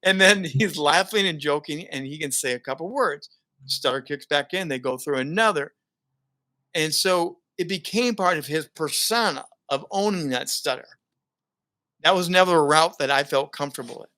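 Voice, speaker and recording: Fairly high in pitch and talking at normal speed, a middle-aged man laughs often while telling stories. He's the guest in a casual interview, a broadcaster and keynote speaker with a lively, animated storytelling style.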